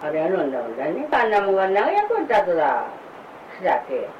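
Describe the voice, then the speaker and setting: Querulous older woman, wildly swooping pitch. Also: huge pitch swings, a little fast, muffled recording. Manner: querulous, scolding, repetitive. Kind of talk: agitated complaining in casual home talk. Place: indoor room at home. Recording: distant mic, faint background noise.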